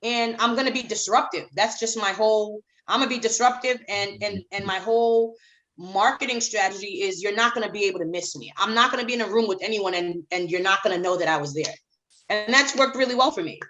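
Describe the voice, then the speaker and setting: A middle-aged woman from Haiti speaks as a guest author in a podcast interview. She talks emphatically at a mid pitch and repeats phrases to drive her points home. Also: a little fast, a bit bright, poor audio.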